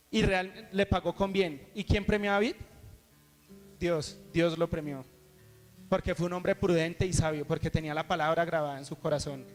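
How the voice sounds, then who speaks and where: A man preaching a sermon, retelling a scripture story earnestly with frequent restarts. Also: high-pitched. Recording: reverberant hall with soft guitar music.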